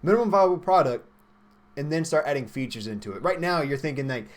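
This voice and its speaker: With a slightly high voice, lively intonation, and quick pace, a software developer in his twenties hosts a livestream. He answers viewer questions as he reads them, chatting informally and thinking out loud.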